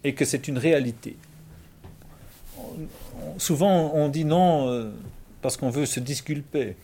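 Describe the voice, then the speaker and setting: A man from Belgium with a Belgian French accent, explaining Bible principles in a measured, conversational way with everyday examples. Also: fairly high pitch, warm tone. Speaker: Bible discussion speaker.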